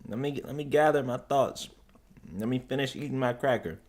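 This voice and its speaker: A man's voice: medium pitch, brisk, darkish tone. A man streaming casual, slangy and profane commentary as he reacts to videos.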